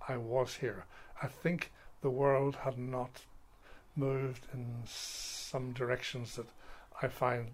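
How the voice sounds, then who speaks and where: A man's voice: mid-range voice, level tone. Older man recalling school days. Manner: halting, many restarts and fillers, playful when telling a prank. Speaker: retired school principal. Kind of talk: interview storytelling.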